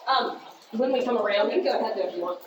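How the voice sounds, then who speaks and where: A woman's voice: fairly high pitch, racing. Woman tour guide in a very echoey cave. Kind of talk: informal guided tour talk. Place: inside a cavern. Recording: echoey cave, distant mic, faint noise.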